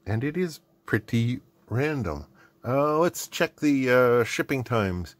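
This middle-aged host of an electronics hobby series, who has a Canadian accent, talks casually and off the cuff at his indoor workbench, rambling and poking fun at himself. He speaks slowly but with great animation at a medium pitch. The sound is dry, yet the background is clearly noisy and full of clicks.

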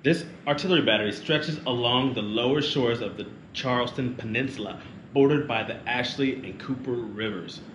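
Dull audio captures a medium-pitched man speaking at a moderate pace in an echoey room with steady background noise. He's joking and playful on a family travel vlog, reading facts aloud and teasing a child.

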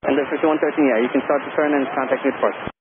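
A man's voice: medium pitch, fairly even intonation, rapid-fire. A man working as an airport tower controller, giving clipped procedural instructions in air traffic control radio style. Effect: aviation radio. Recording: tinny, noisy air traffic radio channel.

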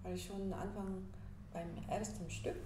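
A woman in her forties from South Korea with a Korean accent, a pianist talking haltingly in an interview, searching for her words. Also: medium pitch, flat delivery. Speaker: pianist guest. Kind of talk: casual interview talk. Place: living room with a piano and plants. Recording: echoey room, faint hiss.

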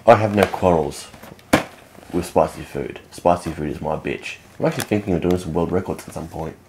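A man's voice: low-pitched, fairly quick, creaky. A young Australian man hosting a casual challenge video, teasing his friend in a dry, matter-of-fact way. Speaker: host. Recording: noticeable background noise.

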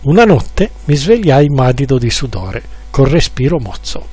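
A man's voice: medium pitch, sing-song, unhurried, a little mellow, slightly rough. A man narrating a humorous literary story with dry irony, now and then acting out the quoted lines.

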